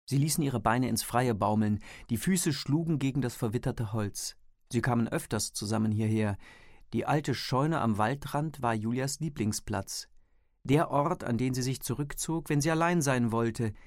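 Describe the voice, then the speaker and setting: Male reader, middle register, steady scripted narration, dry close mic. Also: mid-range voice, no room sound. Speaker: audiobook narrator.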